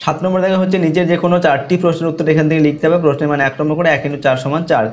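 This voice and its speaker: A man's voice: on the high side, fairly even intonation, very fast, soft background music. A male teacher, working through exam questions and dictating the answers, often checking whether the class is following.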